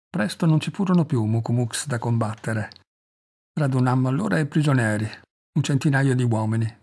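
A man from Italy with a husky voice, narrating a story in a measured way and slowing down on the dramatic lines. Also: medium pitch, a little mellow. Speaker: reader, narrator. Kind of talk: scripted audiobook narration.

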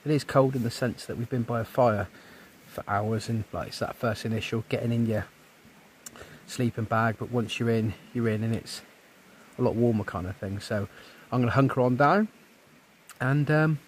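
A man's voice: mid-range voice, moderate pace, a little hiss or hum. A man, chatting casually to camera at a woodland camp, easygoing and full of ums. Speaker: outdoor camping vlogger. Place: woodland camp outdoors by a river.

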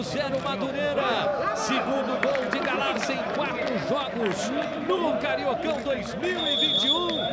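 Male play-by-play announcer, explosive goal calls, excited repeated words, roaring crowd, heavy noise. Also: extremely high pitch. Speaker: football play-by-play commentator. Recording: very loud crowd noise behind commentary. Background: stadium crowd and outdoor noise.

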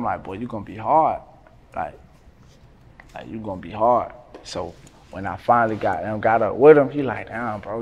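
A man, talking casually in an interview, relaxed and slangy with lots of fillers. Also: medium pitch. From North Carolina, USA. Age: 20s. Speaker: rapper, interview guest. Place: indoors by a brick wall.

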